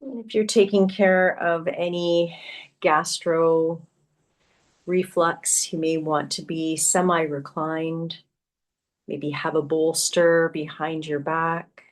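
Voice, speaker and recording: A female yoga teacher's voice sits low, with fairly even intonation, as she guides a meditation. She instructs softly and soothingly, pausing at length between phrases.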